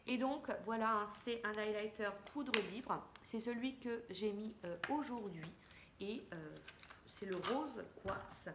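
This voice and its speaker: A woman's voice: medium pitch, slow. Chatty woman vlogging in an echoey room. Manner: chatty and friendly, talks straight to viewers. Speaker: beauty vlogger showing a makeup haul. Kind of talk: casual chatty vlog talk. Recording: echoey room with faint background hiss.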